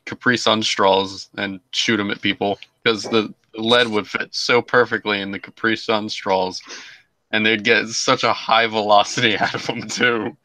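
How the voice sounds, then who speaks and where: A man on a casual livestream panel, talking in an unhurried, deadpan way. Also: lowish voice, low-quality recording. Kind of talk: casual chat.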